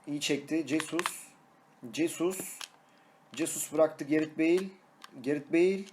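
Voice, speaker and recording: A young man, a gaming YouTuber, giving excitable live commentary on his own match, shouting and singing at goals and teasing his opponent. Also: on the high side, measured pace, a little hiss or hum.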